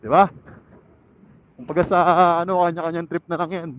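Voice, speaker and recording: Over a dull-sounding helmet intercom mic with faint road noise, a Filipino motorcycle vlogger chats laid-back to himself as he rides outdoors on a city road. His voice sits on the high side, brisk and steady in tone.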